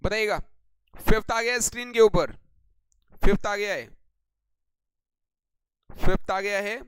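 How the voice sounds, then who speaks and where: A man leads a live online grammar lesson, calling on students by name and teasing them as he goes. His voice sits high and comes through smooth and clear. The sound is dry and close, with no room echo. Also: unhurried, a bit bright. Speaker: English grammar teacher.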